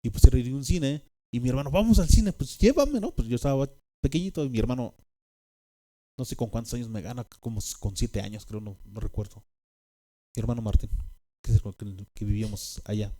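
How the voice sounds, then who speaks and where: A man's voice: medium pitch, fairly even intonation, a little fast, mellow. A man with a Mexican accent telling a personal testimony, rambling with fillers and tag questions. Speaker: speaker giving a personal testimony.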